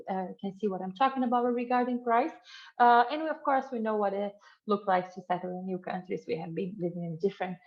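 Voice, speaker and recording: Hosting a housing webinar, this middle-aged woman from Brazil, who works as a housing buying manager, comes across friendly and quick to laugh, full of fillers and restarts. Her voice sits at medium pitch on lo-fi sound.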